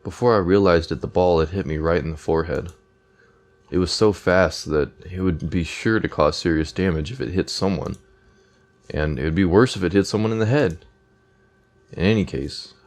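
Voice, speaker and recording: A man's voice: deep voice, darkish tone. A man commentating a game playthrough, reading the on-screen dialogue aloud between casual remarks. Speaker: let's play gamer.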